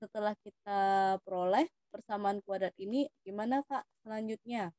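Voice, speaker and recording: A woman's voice: mid-range voice, moderate pace, dark tone, no echo. A young woman with an Indonesian accent, patiently explaining math test questions to students as a tutor. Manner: patient, addresses students as "Dik".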